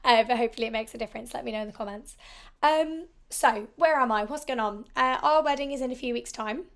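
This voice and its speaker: A woman in her thirties with a croaky, hoarse voice, chatting through a casual catch-up vlog about her sewing plans. She talks in a rambling, upbeat way with plenty of ums and asides, her pitch sitting a touch high. It is recorded at home on a small mic. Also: fast. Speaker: sewing vlogger. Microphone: small mic at the bottom of the frame.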